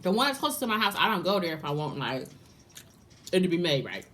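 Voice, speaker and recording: A woman's voice: fairly low pitch, sing-song, fast, a bit bright, slight background noise. A woman chatting casually to viewers in a mukbang vlog, talking between bites of crunchy fried chicken. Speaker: mukbang vlogger.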